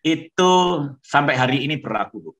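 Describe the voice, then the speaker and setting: Lively pastor, bright voice. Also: male voice, medium pitch, brisk. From Malang, East Java. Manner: lively, acts out dialogue with shifting voices. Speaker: pastor giving his testimony. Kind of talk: animated storytelling testimony.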